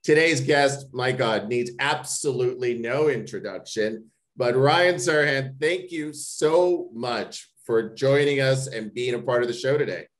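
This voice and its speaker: A man hosting a casual interview show in a middle-pitched voice. He talks with easy enthusiasm and now and then a casual curse. His delivery is loose and friendly. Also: unhurried, few pauses. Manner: enthusiastic, chatty, swears casually. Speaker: podcast host.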